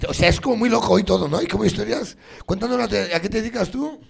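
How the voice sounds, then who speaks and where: A man hosting a live comedy game show, teasing his guests with rapid, rambling banter and laughing at his own jokes. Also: sits high, gravelly, slight background noise. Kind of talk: joking live banter with the audience. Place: stage in front of a live audience. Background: audience laughing.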